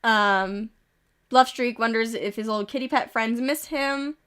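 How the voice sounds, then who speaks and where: A woman's voice: a little high, fairly bright tone, clear, resonant tone. A woman streaming a game, reading events aloud with amused asides, a little sick with occasional coughs. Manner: reads events with quick amused asides and chuckles.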